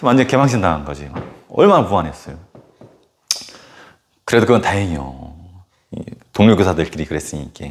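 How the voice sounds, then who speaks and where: Animated male teacher telling a story. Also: deep voice, brisk, long pauses. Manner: animated storytelling full of fillers. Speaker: history teacher. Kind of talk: casual anecdote during a lecture.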